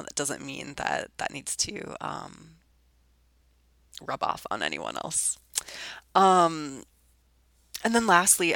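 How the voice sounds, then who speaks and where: A woman hosting a solo podcast while sick, her hoarse voice heavily gravelly with vocal fry. Her tone stays bright and forceful. She talks in a loose, rambling way full of ums and likes, recorded close and dry. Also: low-pitched, dry recording. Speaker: podcast host. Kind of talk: casual solo podcast chat.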